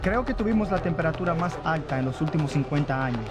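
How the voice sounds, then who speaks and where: A man in a news report voice-over, his voice somewhat high for a man, with loud music playing under it. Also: lively intonation, fast talker.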